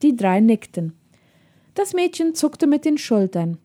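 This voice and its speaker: Slow, mellow-voiced woman narrator. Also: a little high, big pitch swings. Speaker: audiobook narrator. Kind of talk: scripted storybook narration.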